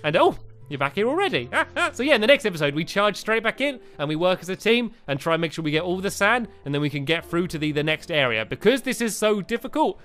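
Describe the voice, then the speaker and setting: A man's voice: sits high, big pitch swings, fast talker, fairly bright tone, faint music behind. A man giving chatty, casual game commentary, laughing often and restarting his sentences. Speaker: game channel host.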